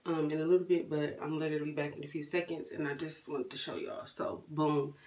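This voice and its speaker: A woman's voice: deep voice, steady tone, fairly quick, darkish tone. A young woman vlogging casually from her car on a hot day, chatting to viewers with a phone camera at arm's length and calling them y'all. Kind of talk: casual vlog chat.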